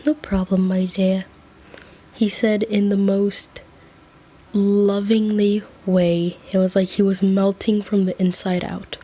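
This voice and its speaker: A woman's voice: mid-range voice, monotone, slow pace, mellow. A woman narrating a fan fiction story as whispered role-play, casual with chatty asides.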